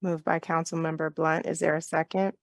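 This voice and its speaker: A woman mayor chairing a council meeting in a measured, polite, procedural way. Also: low voice, level tone, no room sound.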